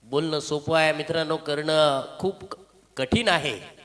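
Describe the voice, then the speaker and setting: High-pitched male cricket commentator. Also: a little slow, a bit bright, long reverb tail. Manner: announcer-like, repeats scores and phrases, mixes in English cricket terms. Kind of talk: live local cricket match commentary.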